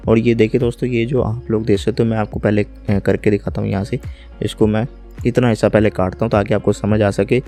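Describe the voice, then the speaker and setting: Calm man with a low, flat voice. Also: brisk, soft background music. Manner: calm, step-by-step, often says "friends". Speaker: software tutorial host. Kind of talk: screen-recorded software tutorial.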